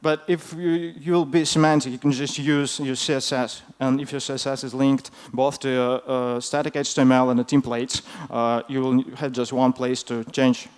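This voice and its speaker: A man who is a non-native English speaker gives an informal technical talk in a hesitant, halting way, often filling his pauses. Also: mid-range voice, flat delivery, darkish tone, clear, resonant tone. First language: not English. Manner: hesitant, halting delivery with frequent fillers. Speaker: conference speaker.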